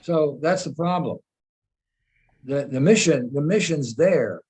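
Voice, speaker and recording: A man's voice: fairly high pitch, animated, a little slow, a little mellow, husky. A man speaking firmly and emphatically on a video call, correcting others and laying down religious doctrine. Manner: firm, emphatic, lecturing.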